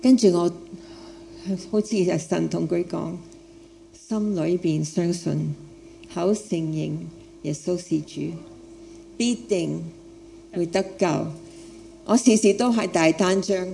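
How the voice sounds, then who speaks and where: A woman's voice: sits low, creaky, dark tone, slight background noise, low-quality recording. A woman with a foreign accent in her Cantonese, a non-native speaker, preaching with personal testimony, repeating phrases for emphasis and putting questions to her listeners. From outside Hong Kong, a foreigner. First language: not Cantonese.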